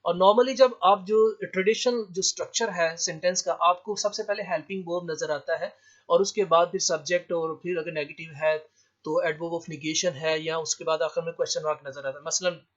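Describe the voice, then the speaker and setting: A man's voice: a little high, steady tone. A man teaching an English lesson, reading English sentences aloud and translating them line by line. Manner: explains slowly, reads English lines aloud then translates. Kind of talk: lecture with translation. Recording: dull lo-fi sound.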